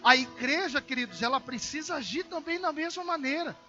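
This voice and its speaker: High-pitched, bright Brazilian male pastor preaching. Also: animated, fairly quick, lo-fi sound, faint music behind. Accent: Brazilian Portuguese. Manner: storytelling with acted dialogue, calls the congregation "queridos". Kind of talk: sermon. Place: church service.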